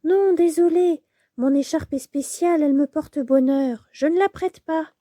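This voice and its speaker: A woman voicing a sweet young female squirrel in a storybook, soft and earnest. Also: high-pitched, measured pace, no echo, studio quality, pitched above the performer's own voice.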